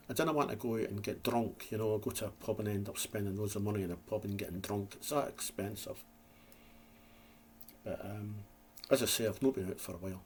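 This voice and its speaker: A man's voice: lowish voice, a little hiss or hum. A Scottish man vlogging in a casual, rambling, self-deprecating chat to camera, with a slight lisp. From Scotland.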